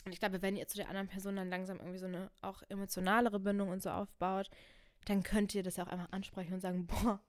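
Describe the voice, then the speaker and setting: A woman's voice: medium pitch, flat delivery, quick pace. A young woman in her twenties co-hosting a podcast, chatting casually and laughing often, with lots of youth slang. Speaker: podcast co-host. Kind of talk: casual chat.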